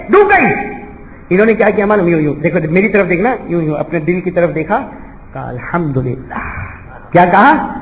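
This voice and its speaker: Male preacher, live sermon in a reverberant hall, high-pitched, dramatic storyteller. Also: a little hiss or hum. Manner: dramatic storytelling, swings from shouting to soft.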